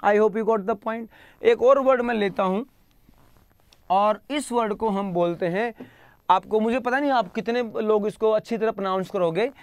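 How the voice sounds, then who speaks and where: A man's voice: high voice, clear, resonant tone, no echo. A man with an Indian English accent teaching vocabulary online, mixing Hindi with English, spelling words out letter by letter and having students repeat. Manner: spells words letter by letter and drills pronunciation slowly; mixes Hindi and English, addresses students directly.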